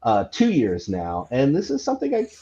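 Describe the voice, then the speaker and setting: A man's voice: mid-range voice, wildly swooping pitch, normal speed, warm tone, highs cut off. A man co-hosting a casual chat show, introducing guests in an upbeat manner. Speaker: co-host.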